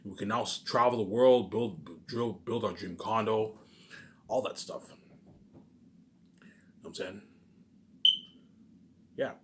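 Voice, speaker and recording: Speaking slowly and pausing often, a man with a fairly low voice delivers an off-the-cuff vlog on his own, and a faint hiss or hum runs through the recording. His talk is slangy and emphatic, full of repetition and drifting asides.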